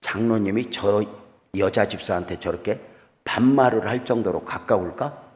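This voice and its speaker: A middle-aged man preaching a revival sermon as a guest pastor, swinging between loud exclamations and quiet storytelling and putting questions to the congregation. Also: fairly low pitch, moderate pace. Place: church sanctuary. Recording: church hall reverb.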